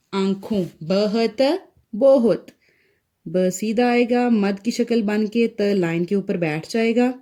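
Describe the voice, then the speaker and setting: Slow, mellow woman teacher spelling letters. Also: mid-range voice. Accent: Pakistani Urdu. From Pakistan. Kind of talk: recorded Urdu writing lesson for young children.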